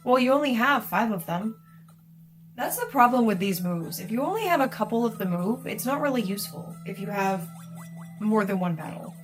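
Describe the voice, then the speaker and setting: A woman's voice: a little high, animated, moderate pace. A woman casually chatting and teasing while watching a video game being played. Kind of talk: casual gameplay chat. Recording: faint game music behind.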